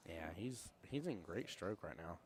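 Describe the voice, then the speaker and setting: A man's voice: low voice, expressive, measured pace, background noise. A man commentating casually on a live pool stream, chatting with viewers in a folksy, friendly way. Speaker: livestream pool commentator and host. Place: indoor pool hall. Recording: small fan near the mic.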